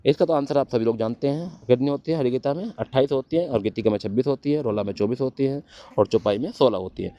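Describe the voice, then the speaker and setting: Male coaching-class teacher, rattling through quiz answers at speed, warm and clear, dry slightly dull recording. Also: medium pitch, quick pace, no echo. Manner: quizzes students, answers own questions. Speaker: exam-prep teacher. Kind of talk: fast exam-prep lecture.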